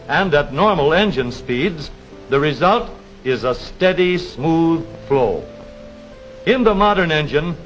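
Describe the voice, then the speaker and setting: A man narrates over a dull, lo-fi vintage film soundtrack with music underneath, sounding like a 1930s educational film announcer. His slightly high delivery is formal and precise, with very animated rising and falling intonation as he explains things step by step.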